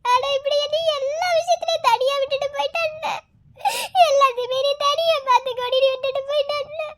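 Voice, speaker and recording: A heartbroken young pregnant woman in a cartoon story, sobbing as she pleads, voiced by a woman. Her voice sits very high and breaks with tears. She sounds young and bereft. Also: fairly even intonation, fairly quick. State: crying. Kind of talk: cartoon voice acting.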